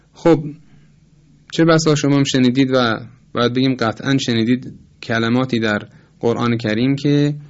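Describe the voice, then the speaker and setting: A man giving a recorded lesson on Quran recitation, speaking in a measured, polite way and sounding out vowels to demonstrate them. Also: mid-range voice. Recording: dull lo-fi recording.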